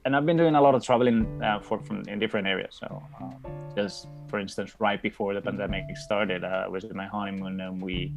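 A man's voice: on the low side, steady tone, brisk, vocal fry, over music. A man in his thirties from Spain with a Spanish accent, a podcast guest talking casually with many restarts and fillers. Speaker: podcast guest, tech company co-founder. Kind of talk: casual interview talk.

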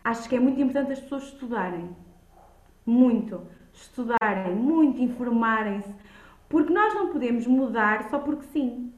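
A woman's voice: fairly high pitch, animated, moderate pace. A woman with a European Portuguese accent speaking emphatically in a conversational debate, repeating key words for stress. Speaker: childminder and early childhood educator, podcast guest. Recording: echoey room, dull lo-fi sound.

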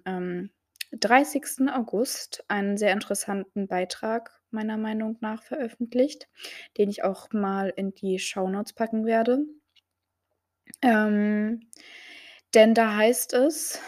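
A woman's voice: on the high side, darkish tone. A young woman hosting a solo podcast, talking hesitantly with many filler sounds and reading out quotes. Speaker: podcast host.

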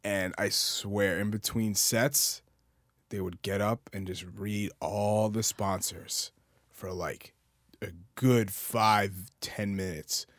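A man's voice: lowish voice, steady tone, slow pace, a bit bright, no room sound, studio quality. A man hosting a casual interview, blunt and rambling, often asking "you know what I mean". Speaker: podcast host.

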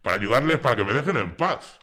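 A man's voice: medium pitch, very animated, fast, bright, forceful tone. A man with a Spain Spanish accent, a guest on a podcast, telling his story in a casual, rambling way and often checking in with the listener. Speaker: guest, former drug trafficker.

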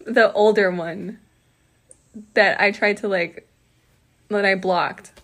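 A young woman chatting casually with a friend, soft-spoken and laughing often. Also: mid-range voice, fairly even intonation, takes it slowly. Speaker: guest friend. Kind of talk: casual chat.

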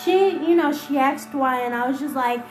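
A woman telling a painful personal story in a halting, emotional way, often repeating herself. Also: sits high. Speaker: podcast host. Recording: roomy echo with faint music.

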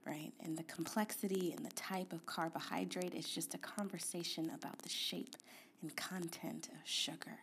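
A woman co-hosting a casual chat show, calm and reflective, sometimes softening to a near-whisper. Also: on the low side, moderate pace, hardly any pauses, slight background noise. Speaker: podcast co-host.

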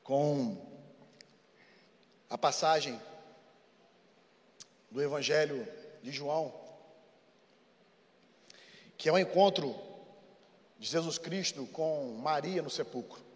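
High-voiced Brazilian preacher in a reverberant hall. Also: male voice, slow pace, pauses often. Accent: Brazilian Portuguese. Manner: repetitive, swings between fervent proclaiming and hushed intimacy. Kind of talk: sermon. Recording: long reverb of a large hall.

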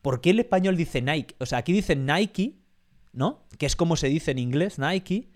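A man's voice: a little high, lively intonation, brisk. A man hosting a casual podcast interview, rambling and frank, swearing casually. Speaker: podcast host.

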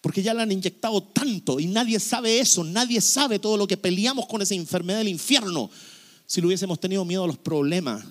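A middle-aged pastor preaching a sermon emphatically, full of repetition and rhetorical questions. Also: male voice, high-pitched, a little fast.

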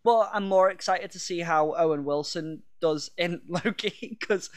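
A man's voice: high-pitched, a little slow. A man co-hosting a podcast, chatting casually, rambling, laughing and swearing now and then. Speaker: podcast co-host. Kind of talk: casual chat.

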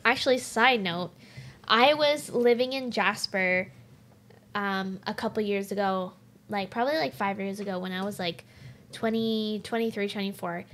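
A woman's voice: mid-range voice, normal speed, fairly bright tone, a little hiss or hum. A woman in her late twenties co-hosting a podcast, rambling casually with constant fillers and the odd swear word. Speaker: podcast co-host. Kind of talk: casual chat.

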